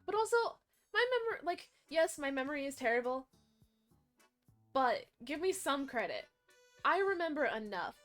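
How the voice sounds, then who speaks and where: A young woman, chatting casually and rambling with her stream audience, animated and often correcting herself. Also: high voice, normal speed, long pauses, faint music behind.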